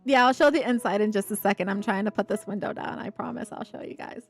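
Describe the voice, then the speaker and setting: A woman from Ohio speaks with a subtle Appalachian-tinged accent at a middle pitch, her slight speech impediment showing on some words. She chats playfully with viewers as she builds, teasing back and laughing easily. Faint music runs underneath her voice. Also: fast talker, vocal fry. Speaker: streamer. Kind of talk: casual live-stream chat while building.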